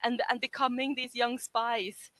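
A woman academic speaking into a video call microphone, giving a recorded lecture. Her voice is bright and a little high, and she thinks aloud with frequent ums and small restarts. The sound is dry and close. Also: fairly even intonation, a little slow, dry recording, rough recording. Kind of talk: recorded online lecture with slides.

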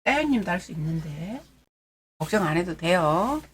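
A woman's voice: on the low side, sing-song, normal speed, slightly rough. Middle-aged lady running a stock livestream, chatty, teases her viewers. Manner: chatty and teasing, answers viewers' donations and chat messages. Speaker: stock-trading livestream host. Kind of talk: casual livestream chat.

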